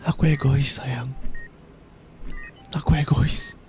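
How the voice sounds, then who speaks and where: A young man voicing a dying husband in a whispered role-play, speaking softly and apologetically to his wife, close to the mic. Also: medium pitch, fairly even intonation, slow, soft background music, lightly acted. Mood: consoling. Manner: soft, tender, apologetic murmuring.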